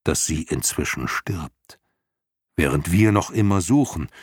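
A man voicing a wise, calm old male luck dragon in an audiobook reading, speaking patiently and persuasively. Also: sits low, a little slow, husky, heavily acted. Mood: reasoning. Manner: patient, reasoning, gently persuasive.

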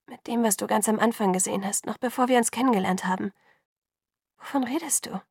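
A woman reading an audiobook, voicing an anxious young human woman who speaks in a hushed, breathy way. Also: on the high side, fairly quick, no room sound, studio quality. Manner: hushed and breathy, often half-whispered.

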